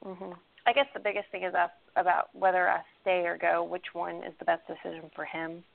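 A woman calling in to a radio show over the phone, talking softly and gratefully. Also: lowish voice, flat delivery, brisk, vocal fry, no room sound. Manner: soft, grateful. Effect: tinny phone line. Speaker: radio call-in caller. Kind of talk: casual call-in chat. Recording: tinny dry phone line.

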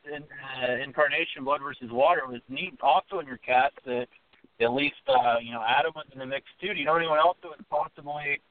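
A man's voice: on the high side, brisk. A man hosting a casual interview from a car over a speakerphone call, talking in an eager, rambling way. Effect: heard over a phone on speakerphone. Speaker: podcast host. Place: inside a car. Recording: tinny speakerphone call, dry.

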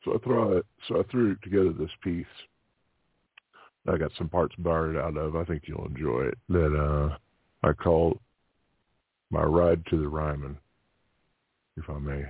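A man calling in to a radio show over a phone line, reciting a poem and chatting with halting fillers. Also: very deep voice, husky, no room sound. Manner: halting, many fillers and restarts when chatting. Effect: heard over a phone line on a radio call-in show. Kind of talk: poetry recitation and casual chat. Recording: tinny phone line, dry.

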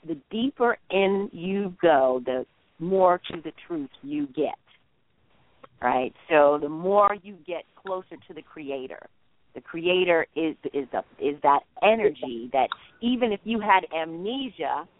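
A man's voice: a little high, lively intonation, measured pace, no echo. A man speaking on speakerphone as a guest on a call-in show, giving an earnest spiritual teaching talk with repetitive phrasing. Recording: tinny dry phone line.

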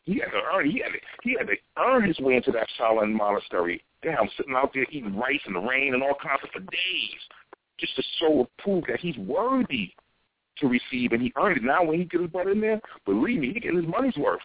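A thin, phone-like recording of an American man on an impassioned soapbox rant. His pitch swings widely as he preaches and exhorts, hammering phrases again and again in loose street vernacular. The sound is dry, with little room around it. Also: sing-song, brisk, dry recording. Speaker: self-styled spiritual teacher.

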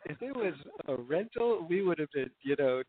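A man's voice: on the high side, big pitch swings, moderate pace. A man speaking as a guest in a radio interview over a crackly phone line with static. He talks hesitantly, with many fillers and restarts.

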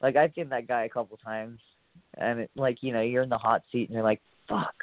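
This interview guest, a musician from Hawaii, speaks fairly quickly in a mid-range voice with little pitch movement. He rambles in a relaxed manner, swearing and using lots of fillers, and the recording is dry and phone-like with no echo.

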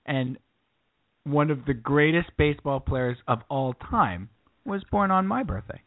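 Deadpan man on a lo-fi line. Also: on the high side, measured pace, dry recording. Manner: deadpan, playful bits. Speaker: podcast co-host. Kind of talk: casual comedic chat. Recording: dry, phone-like lo-fi.

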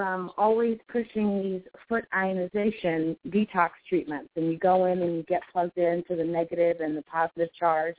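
A woman calling in to a radio show over a phone line, friendly and chatty, with some hesitant ums as she asks her question. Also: fairly low pitch. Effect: heard over a phone line as a call-in caller.

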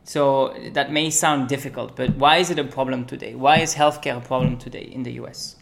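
A man's voice: medium pitch, fairly quick, creaky, a little hiss or hum. A young man from Belgium, a consultant being interviewed, who talks casually with many ums and uhs. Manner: relaxed, with frequent ums and uhs. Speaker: guest, management consultant.

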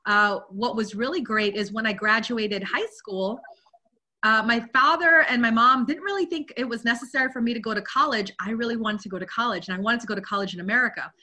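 A woman's voice: fairly high pitch, brisk, bright, forceful tone. A woman from Guyana, a spiritual teacher and interview guest, telling her life story candidly and openly with frequent "you know.". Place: Virginia.

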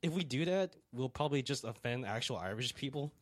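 A man's voice: mid-range voice, animated, brisk, no room sound. A young man hosting a casual horror game podcast, joking and giggling as he chats with his co-hosts. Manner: joking, giggly, reads ad copy. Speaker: podcast host.

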